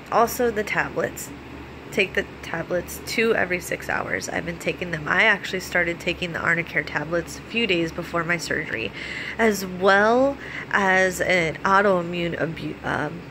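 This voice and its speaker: Lower-pitched American woman vlogging over noise. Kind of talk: casual vlog talk with practical advice. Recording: clearly audible steady background noise.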